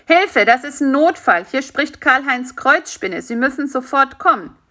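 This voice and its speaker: A woman voicing an excitable, kind-hearted male spider who talks in a lively, brash way. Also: medium pitch, moderate pace. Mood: pleading.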